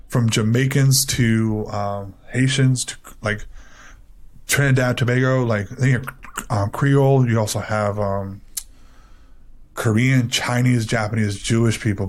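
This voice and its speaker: A young man from Miami co-hosting a podcast, telling stories in a rambling way with lots of filler words. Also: medium pitch. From Miami, Florida. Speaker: podcast co-host. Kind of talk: casual podcast chat.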